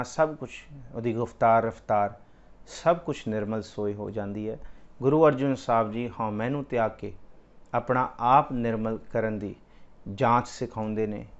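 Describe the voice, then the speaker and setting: Male preacher, mid pitch, explains scripture and chants verses slowly, dull lo-fi sound. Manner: slow melodic chanting of verses between plain explanation. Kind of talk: devotional sermon with sung verses.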